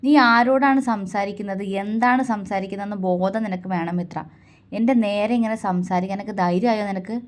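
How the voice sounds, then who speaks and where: A woman's voice: mid-range voice, brisk, lightly acted. A woman reading a story aloud, voicing a proud young husband who scolds his wife with a raised voice. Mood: angry.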